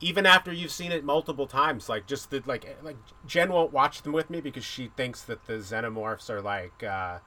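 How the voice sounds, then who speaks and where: Casual podcast host, man, bright tone, rambling film chat. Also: medium pitch, normal speed, few pauses. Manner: rambling, loose, drops mild swears.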